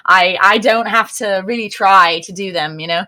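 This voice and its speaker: Chatty young woman, bright voice. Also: mid-range voice, moderate pace. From United States. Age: young adult. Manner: chatty, laughs often, self-deprecating. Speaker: streamer guest. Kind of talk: casual podcast interview.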